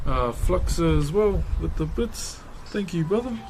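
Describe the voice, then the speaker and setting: A man's voice: fairly high pitch, expressive, unhurried, darkish tone. A man with a New Zealand accent chatting casually on a livestream in a laid-back, slangy way as he answers viewers. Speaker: live streamer. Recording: clearly noisy background ambience.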